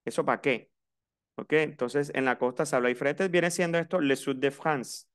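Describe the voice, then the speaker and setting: Man, Colombian Caribbean coast accent, language teacher, smooth clear voice, patient, repeats words. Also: a little high, fairly quick. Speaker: French teacher. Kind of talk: classroom lesson, mixing Spanish and French.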